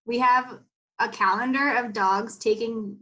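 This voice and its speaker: A young woman in casual chat, frank and relaxed, saying "like" often. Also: on the high side, a little slow.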